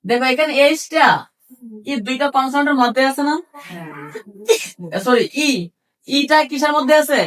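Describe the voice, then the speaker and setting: A woman's voice: high voice, steady tone, moderate pace, long pauses, a bit bright, far from the mic. A woman teaching English reading to a class, spelling words out letter by letter and asking questions that she then answers herself. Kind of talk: classroom lesson.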